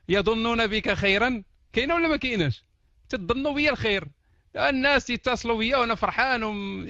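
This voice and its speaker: A Moroccan man with a Moroccan Arabic accent hosts a casual online chat in a quick, lively, joking manner. His voice sits high for a man. The sound is dry and a little dull, as if from a basic computer mic. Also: creaky, dry recording. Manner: animated, joking, laughs often. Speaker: online talk host. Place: at home behind a PC.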